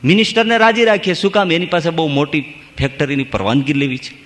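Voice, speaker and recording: A man's voice: fairly high pitch, quick pace, fairly bright tone. A man, a monk giving a devotional sermon, telling folk stories and reciting verses. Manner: storytelling with folk verses and acted asides. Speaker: monk preacher. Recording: long hall reverb.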